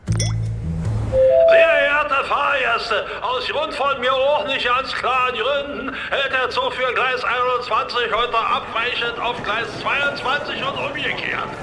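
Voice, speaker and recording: Flippant male station announcer, very high voice, loudspeaker with long reverb, deadpan film comedy. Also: takes it slowly, over music. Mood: flippant, official. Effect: public address loudspeaker. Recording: echoing loudspeaker in noisy railway station.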